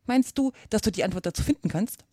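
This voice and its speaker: A woman's voice: medium pitch, expressive, fast talker, warm tone, dry recording, natural voice. A woman voicing a glum, grumbling male hare, humble and mumbly, in a read-aloud storybook with a dry sound.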